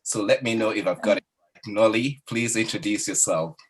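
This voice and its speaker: A man's voice: lowish voice, moderate pace, husky. A man moderating an online panel discussion and introducing each guest by name. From Nigeria.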